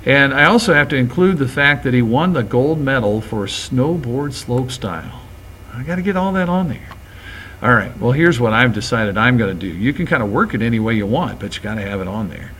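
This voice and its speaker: A man teaching graphics, talking through each step of a screen-recorded software tutorial in a relaxed, chatty way. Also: medium pitch, a little fast, a little hiss or hum.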